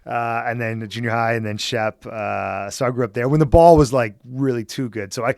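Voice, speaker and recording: This interview guest, a former basketball executive from Edmonton, Canada, is a middle-aged man who chats with relaxed enthusiasm, sprinkling in "man" and "right?". He has a mid-range, creaky, somewhat dark voice at normal speed, recorded in the studio with no room sound.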